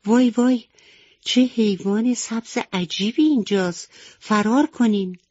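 A woman voicing a playful, mischievous little monkey in a children's bedtime radio story, in a high, lively teasing voice. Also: no room sound. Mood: mock alarm. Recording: dull lo-fi radio recording.

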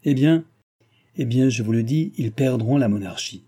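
Guy doing a careful police chief, polite, dark husky voice. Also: mid-range voice, moderate pace, lightly acted. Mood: earnest. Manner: earnest and deferential. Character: male police lieutenant, cautious, earnest and deferential.

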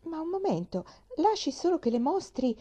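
A woman's voice: mid-range voice, animated, brisk, dark tone. A woman voicing a cheerful, chatty little girl in a storybook reading, eager and bubbly.

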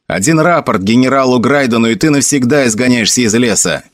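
Expressive male audiobook narrator. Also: medium pitch, fairly quick, dry recording, studio quality.

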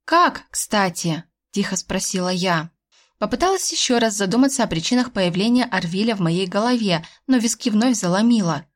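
Expressive woman narrating a fantasy tale. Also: mid-range voice, fairly quick. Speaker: audiobook narrator. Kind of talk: first-person fantasy narration with lively dialogue.

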